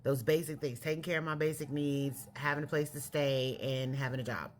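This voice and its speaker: A woman's voice: a bass voice, steady tone, a little fast, slight background noise. Candid woman in her forties, reflective. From California. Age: 40s. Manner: reflective, candid, self-correcting. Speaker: vlogger. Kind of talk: personal storytelling vlog.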